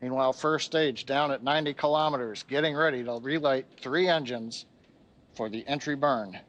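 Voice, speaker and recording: A man's voice: medium pitch, moderate pace, a bit bright. A man hosting a live launch webcast with explanatory technical commentary.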